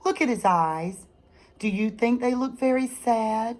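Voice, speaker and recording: Her pitch fairly high and her tone somewhat dark, a woman teacher shares a picture book with children, reading deliberately and expressively. She pauses at points to quiz the little ones listening.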